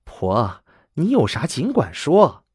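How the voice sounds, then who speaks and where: A man voicing a timid, deferential young bride of nineteen, speaking softly and humbly. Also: on the high side, huge pitch swings, takes it slowly, slightly rough, no room sound, clean studio sound, pitched above the performer's own voice, exaggerated voice. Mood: humble. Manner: soft, humble, eager to please.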